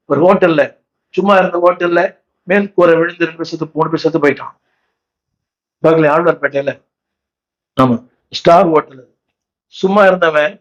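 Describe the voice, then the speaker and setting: A man's voice: high-pitched, muffled recording. A man with a Tamil accent preaching a sermon, repeatedly calling on his congregation to say the words aloud after him. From India. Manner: repetitive, exhorting, asks the crowd questions. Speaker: pastor. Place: church.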